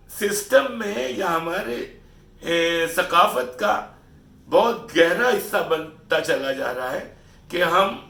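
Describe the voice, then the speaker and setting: A man's voice: high-pitched, vocal fry, sharp tone. A middle-aged man from Pakistan delivering an opinion monologue, lecturing and scolding his listeners with rhetorical questions. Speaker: channel host. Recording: echoey room, voice distant from mic.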